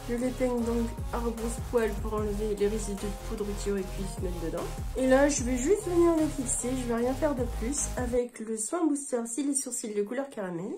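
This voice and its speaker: Woman talking through a makeup tutorial. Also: a little high. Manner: relaxed, step-by-step explaining. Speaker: beauty vlogger. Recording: music playing behind the voice.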